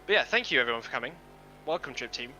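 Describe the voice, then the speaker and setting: Male streamer, casual racing chatter on a headset, sharp bright tone, joking at his own expense. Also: medium pitch, expressive, very fast, dull audio, slight background noise. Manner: self-deprecating, swears casually. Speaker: streamer and sim racing driver. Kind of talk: casual chat while racing.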